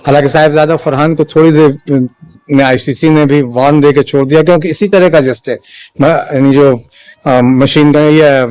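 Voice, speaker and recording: A man giving a spoken opinion commentary in a measured, halting way, with frequent restarts and fillers. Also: fairly high pitch, darkish tone, dry recording. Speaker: political commentator.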